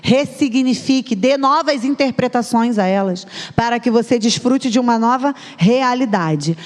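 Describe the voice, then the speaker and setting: Brazilian woman in her 30s, psychologist giving a church talk, kinda high voice, lots of hall reverb. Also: moderate pace. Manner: chatty, addresses the audience directly. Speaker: psychologist speaker at a church conference.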